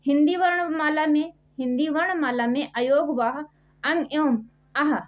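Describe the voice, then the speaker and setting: A woman's voice: sits high, steady tone, measured pace. A woman teaching a grammar quiz lesson, reading each question and answer twice and spelling out the sounds one by one. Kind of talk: quiz-style exam prep lesson. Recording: dull lo-fi sound.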